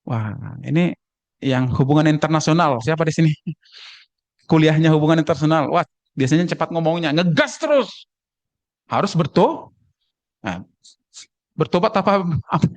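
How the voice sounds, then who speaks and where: A man preaching to his congregation, telling jokes and acting out voices as he goes. He speaks on the higher side for a man. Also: moderate pace, long pauses, dry recording. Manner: humorous, acts out voices and dialects. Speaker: pastor. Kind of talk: sermon with jokes.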